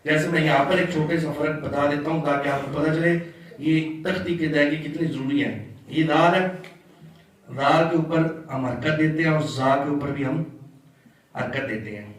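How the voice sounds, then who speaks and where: A man teaching letter sounds in a patient classroom style, drawing out and chanting each sound for his students. His voice sits a little high and comes from some distance off the mic. The room rings with heavy echo around him. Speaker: Quran recitation teacher. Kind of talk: classroom tajweed lesson. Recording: echoey room, mic far off.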